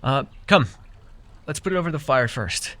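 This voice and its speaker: Acting out an immersive fantasy roleplay ASMR scene, a man voices a fae forest guide who is flustered and bossy, teasing but caring, with exasperated banter. His natural mid-range voice is fairly bright with lively intonation and a normal pace, over a little hiss or hum.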